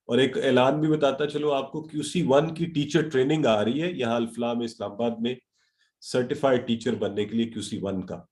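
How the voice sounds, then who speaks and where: A man's voice: medium pitch, steady tone, a little mellow. Encouraging man teaching an online class. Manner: encouraging, mixes in English words. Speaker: Arabic grammar teacher. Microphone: video call.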